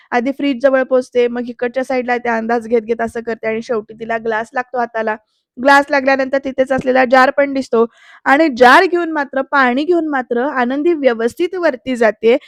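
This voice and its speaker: A woman narrating a voice-over recap of a TV serial, telling the story in a lively way and talking straight to her viewers. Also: high-pitched, dry recording.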